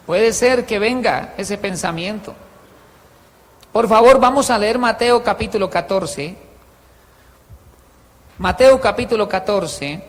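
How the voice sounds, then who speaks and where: Male preacher, high voice, animated with loud and quiet swings, humorous storyteller, hall reverb. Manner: tells stories with humor. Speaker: pastor. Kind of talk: sermon. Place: church hall with a congregation.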